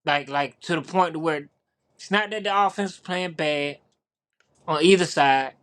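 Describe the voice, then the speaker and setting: A man with a high-pitched voice co-hosts a casual sports podcast. He rambles, repeats words and leans on fillers as he talks. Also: normal speed, fairly bright tone, clean tone. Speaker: podcast co-host.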